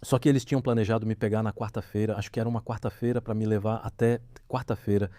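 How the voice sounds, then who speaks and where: A man speaks as an interview guest, telling his personal story in a low, mellow voice. He slips into the lines of the people in the story as he retells them. The sound is close and dry, with no room around it. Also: steady tone, fast, no room sound. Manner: vivid retelling, acting out quoted dialogue.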